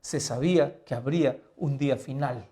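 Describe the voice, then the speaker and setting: Emphatic pastor with a mellow voice. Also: male voice, mid-range voice, normal speed. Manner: asks the listener rhetorical questions; emphatic, swinging between quiet and loud. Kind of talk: Bible lesson sermon.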